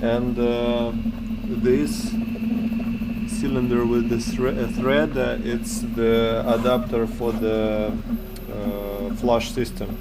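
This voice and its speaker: Heavy background noise surrounds this casual workshop vlog, shot indoors in a home workshop on an action camera held or mounted close. The maker, a man in his thirties with a Russian accent, speaks halting English with many fillers and restarts, in a medium-pitched, level tone.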